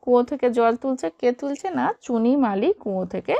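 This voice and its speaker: A woman tutor giving a children's reading lesson, reading slowly and carefully and drilling questions and answers. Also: on the high side, vocal fry, warm tone. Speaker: online tutor. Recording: dull lo-fi sound.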